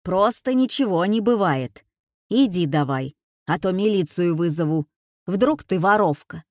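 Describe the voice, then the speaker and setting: A woman's voice: fairly low pitch, lively intonation, a little slow, a little mellow, no echo, studio quality. A woman voicing a suspicious, scolding old woman with a nasal voice. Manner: scolding, threatening.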